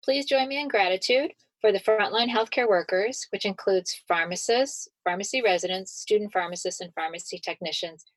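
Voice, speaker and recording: Podcast host: woman, mid-pitched, measured and formal scripted intros and interview questions, dry close sound. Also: no echo, low-quality recording.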